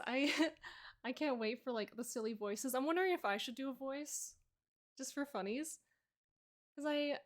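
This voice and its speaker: A woman art streamer chatting casually and playfully while she draws, joking and laughing with her viewers. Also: sits high. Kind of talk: casual chat while drawing.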